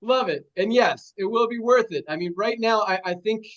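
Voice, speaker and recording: High-pitched guy hosting a company call, super hyped rally talk, muffled lo-fi sound. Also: normal speed, a bit bright. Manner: hyped, chanting rallying cries. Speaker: host of a company sales call. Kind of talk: motivational rally speech.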